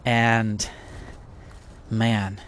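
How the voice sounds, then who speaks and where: A man's voice: on the low side, little pitch movement, extremely slow, a bit bright, a little hiss or hum. A man hosting a podcast, talking through a topic in a casual, reflective monologue full of restarts and rhetorical questions.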